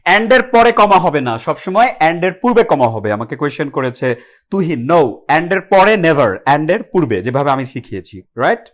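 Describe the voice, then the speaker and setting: A young man with a slightly high, sing-song voice teaches an English grammar class live online at a moderate pace. He poses questions to his students and then answers them himself, slipping English words into his speech.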